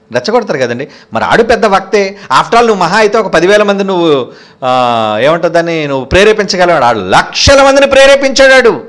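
A man's voice: extremely high pitch, a bit bright. A man preaching a sermon in a fiery, scolding manner, firing rhetorical questions at his listeners.

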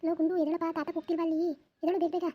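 A woman's voice: very high voice, flat delivery, very fast, no room sound, dull audio. A woman voicing a nagging village grandmother who coaxes and scolds her grandson in a cartoon. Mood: coaxing. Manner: nagging, coaxing. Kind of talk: cartoon voice acting.

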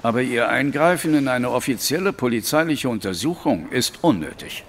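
A man's voice: mid-range voice, animated, normal speed, big-room sound, slight background noise, close to an everyday voice. Actor as Inspector Kent, blunt sceptical policeman. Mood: sceptical, grudging. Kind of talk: audio drama acting.

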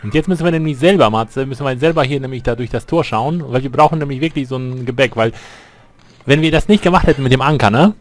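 A man's voice: medium pitch, fast. A man doing casual, enthusiastic, rambling commentary as he plays a game. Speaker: let's player. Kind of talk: casual gameplay chat. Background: game music.

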